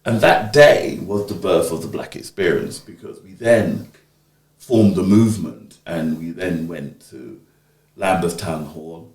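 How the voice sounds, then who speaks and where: Animated storytelling man in an echoey room. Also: deep voice, unhurried. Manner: animated, acts out quoted speech. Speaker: interviewee, community organiser. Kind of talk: conversational storytelling.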